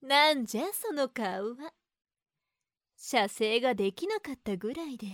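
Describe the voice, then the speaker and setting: A woman voicing a teasing, dominant woman with old-fashioned archaic speech, whispering slowly and playfully close to the mic in an ASMR roleplay. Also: high voice, no echo, heavily acted. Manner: mocking, slow, playful.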